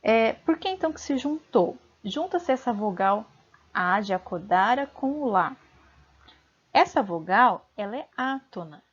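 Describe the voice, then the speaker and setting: A woman's voice: fairly high pitch, animated, unhurried, husky, lo-fi sound. A woman teacher giving a home-recorded video lesson, patiently sounding out syllables one by one.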